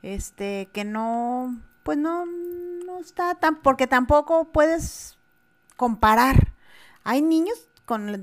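Mexican woman co-host, candid and earnest, casual chat with filler words. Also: fairly high pitch. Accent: Mexican Spanish. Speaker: podcast co-host, mother. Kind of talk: casual conversation.

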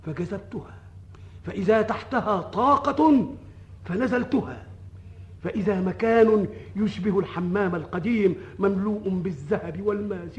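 A man playing an excitable, timid wanderer in an old radio drama, theatrical, with an Egyptian accent. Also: high-pitched, dull audio. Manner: theatrical storytelling. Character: excitable, timid male folk-tale wanderer telling his fortune.

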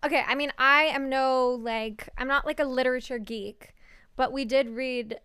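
A young woman as a podcast guest, joking and teasing in quick banter with lots of laughter. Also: high voice, fairly even intonation, pushed and bright, smooth, dry recording, studio quality. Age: young adult. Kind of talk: casual chat.

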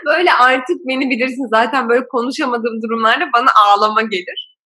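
A young woman chatting casually, telling a story about her old call center job in an animated way and laughing often. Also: a little high, quick pace. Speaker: former call center worker.

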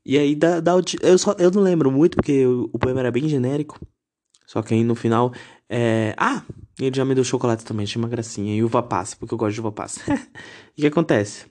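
A man's voice: medium pitch, fast talker, a little mellow. Chatty dramatic teenage boy. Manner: chatty, dramatic, self-mocking. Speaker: vlogger. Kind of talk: casual storytelling to camera.

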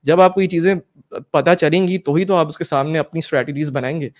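A man in a casual discussion, laying out his points step by step and mixing English into Urdu. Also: a little high. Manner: explanatory, lecturing tone, mixes English into Urdu. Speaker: guest in a discussion.

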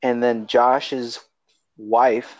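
A man's voice: medium pitch, flat delivery, extremely slow. A young man hosting a podcast in casual chat, joking and laughing often as he rambles. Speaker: podcast host. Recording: slightly dull, dry sound.

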